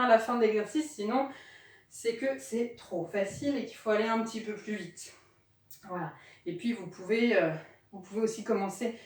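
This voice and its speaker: A woman leading a home workout, cueing breathing and counting aloud, a little out of breath as she demonstrates. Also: a little high. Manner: encouraging, counts out loud and cues breathing. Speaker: fitness instructor. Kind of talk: guided home workout coaching. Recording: echoey room, voice from far off.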